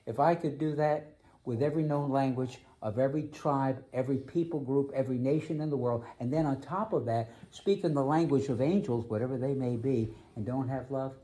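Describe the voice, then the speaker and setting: A man preaching a sermon as pastor, emphatic, slowing down to stress key phrases. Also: medium pitch, mellow.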